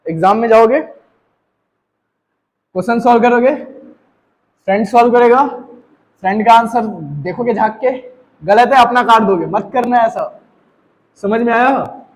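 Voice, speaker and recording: An Indian man teaches a maths class in Hindi, dropping in English maths terms and speaking straight to his students with questions to check they follow. His voice is very high-pitched and a little slow, with long pauses, and the recording is rough.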